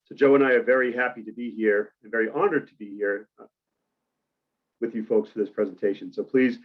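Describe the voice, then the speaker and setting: Man, boston accent, low voice, dull lo-fi call audio, measured presenter. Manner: measured, explanatory, with frequent uhs. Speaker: industry presenter. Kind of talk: webinar presentation. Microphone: video call mic.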